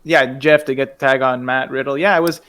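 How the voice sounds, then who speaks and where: A man's voice: medium pitch, steady tone, fairly quick, a bit bright, smooth. A man co-hosting a wrestling podcast, chiming in with quips and opinionated gripes in a casual chat. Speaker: podcast co-host.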